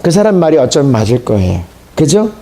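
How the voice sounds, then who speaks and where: A man's voice: a little high, sing-song, fairly quick, dark tone. A man pastor preaching a sermon, telling a story in a colloquial way and addressing the congregation.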